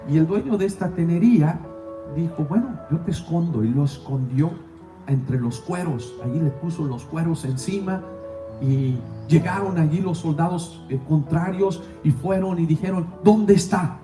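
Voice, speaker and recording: A man's voice: on the high side, normal speed, reverberant, distant mic, music in the background. A male priest giving a sermon, telling a story and acting out the quoted voices.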